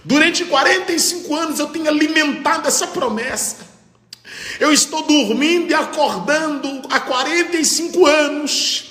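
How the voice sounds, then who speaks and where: A man preaching a fervent Pentecostal sermon as pastor, rising to shouts and breaking into tongues. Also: very high voice, normal speed, roomy sound, big-room sound.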